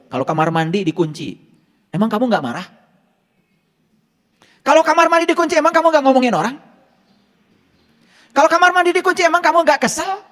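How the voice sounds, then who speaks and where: Guy preaching, pitch jumping all over, big hall echo. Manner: rhetorical questions, lively teaching. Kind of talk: casual sermon to a congregation. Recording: long hall reverb.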